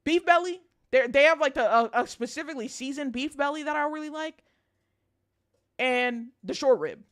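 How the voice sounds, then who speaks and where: A woman's voice: high-pitched, moderate pace. A woman chatting casually as a livestream host, with a bubbly, girlish streamer delivery and a blunt, sweary, playfully emphatic way of talking. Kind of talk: casual livestream chat, reading and answering viewers.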